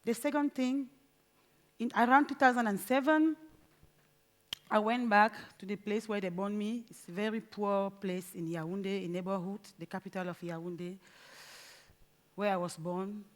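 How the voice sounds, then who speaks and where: A woman in her forties from Cameroon, with a Cameroonian accent, giving an earnest, deliberate conference speech and pausing mid-phrase. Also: mid-range voice, fairly even intonation. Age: 40s. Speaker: conference speaker. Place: conference stage.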